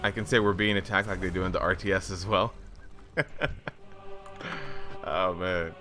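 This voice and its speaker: Chatty low-voiced man streaming a game. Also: steady tone, measured pace, pushed and bright. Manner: chatty, laughing, thanks chat. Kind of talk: casual live stream commentary. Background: game music.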